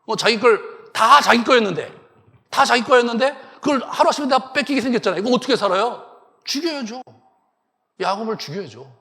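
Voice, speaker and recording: High-voiced male pastor in a reverberant church. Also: fast, vocal fry. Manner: animated storytelling, acts out the characters. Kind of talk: sermon. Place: church sanctuary. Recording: long church hall reverb.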